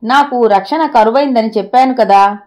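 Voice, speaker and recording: A woman voicing a sharp-tongued, scheming wife who speaks bluntly and insistently. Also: a little high, normal speed, close to an everyday voice.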